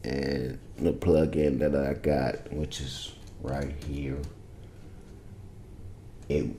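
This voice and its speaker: Extremely slow and very deep, with a dark tone and little pitch movement, a male music producer explains his vocal mix settings from a home studio. The screen-share tutorial is loose, laid-back and rambling, recorded with roomy echo and slight background noise.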